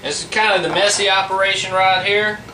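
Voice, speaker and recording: A high-voiced man walks through a recipe in a casual, folksy way. He sounds set back from the mic in a roomy kitchen, with a fan running noisily behind him. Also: steady tone, fairly quick, bright, forceful tone. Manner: folksy, plain-spoken. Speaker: home cook presenting a recipe. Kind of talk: casual cooking demonstration. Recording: roomy, noisy fan hum, distant mic. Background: fan noise.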